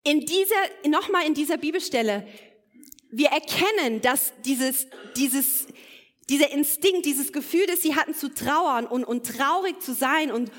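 A woman with a high, animated voice preaches a sermon to her congregation at a slightly slow pace, earnest and building toward emphatic exhortation. The recording carries the long reverb of the church hall she's speaking in.

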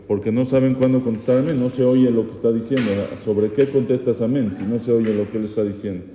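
Dark-voiced rabbi in an echoey hall. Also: male voice, mid-range voice, steady tone, quick pace. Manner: poses rhetorical questions, teasing asides. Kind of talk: Torah law lesson. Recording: echoey hall with long reverb.

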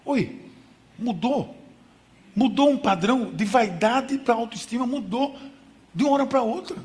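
A man's voice: very high-pitched, measured pace, a little mellow. A man preaching a sermon with emphasis, using contrasts and rhetorical questions. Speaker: pastor. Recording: long hall reverb.

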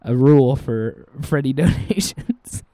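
A man co-hosting a podcast in easy casual chat. His voice is dark and mellow, recorded dry and close on a desk mic. He jokes around and laughs a lot. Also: medium pitch, unhurried, no echo. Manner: joking, laughs often. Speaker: podcast co-host. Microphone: desk microphone.

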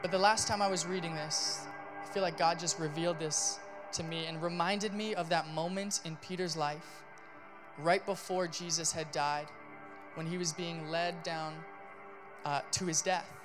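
A male pastor giving a sermon in a casual, animated storytelling style, full of fillers. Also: on the high side, normal speed, over music.

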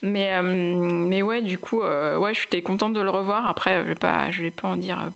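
A woman's voice: on the low side, moderate pace, gravelly, lo-fi sound. A young woman hosting a casual film chat, chatty, with many fillers and restarts. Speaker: film podcast host.

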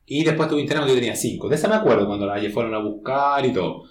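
Chilean man, mid-pitch, casual slangy storyteller, echoey room. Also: very fast. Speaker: guest, horror writer. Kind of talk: casual podcast conversation.

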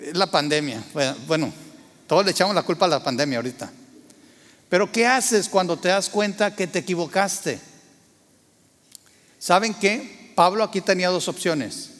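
A man's voice: high voice, lively intonation, normal speed, pauses often, a bit bright, in a large hall. A man preaching a sermon, asking the congregation questions and acting out quotes. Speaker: pastor.

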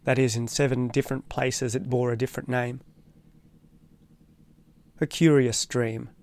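Man, calm essay narrator, level delivery, dry close-miked sound, wry asides. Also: mid-range voice, dry recording.

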